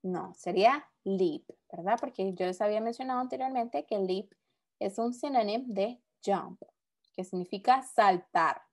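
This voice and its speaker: A woman's voice: mid-range voice, moderate pace. A woman teaching a recorded English vocabulary lesson, explaining each word patiently and repeating it.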